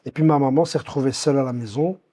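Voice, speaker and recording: A Belgian-born man in his fifties, recounting his life story as an interview guest, with many pauses and restarts. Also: mid-range voice, steady tone, warm tone. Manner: hesitant, many fillers and restarts.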